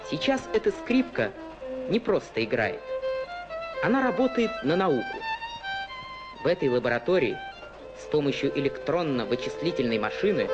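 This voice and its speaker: Animated, higher-voiced man narrating a science film. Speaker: presenter and narrator. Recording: dull old film soundtrack, loud music behind.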